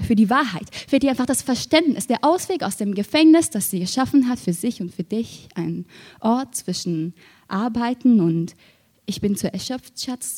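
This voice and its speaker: A woman performing spoken word poetry with a rhythmic, rhyming delivery that swings between soft and loud. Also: medium pitch.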